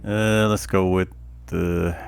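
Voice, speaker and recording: A man playing through a story game, reading the narration aloud with measured delivery and casual asides. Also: low voice, level tone, vocal fry, clean tone.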